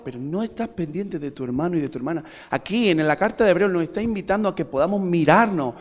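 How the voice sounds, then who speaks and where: A man from Spain preaching a sermon to a congregation. He keeps asking them rhetorical questions and swings from loud, emphatic peaks to quiet asides. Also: on the high side. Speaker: pastor.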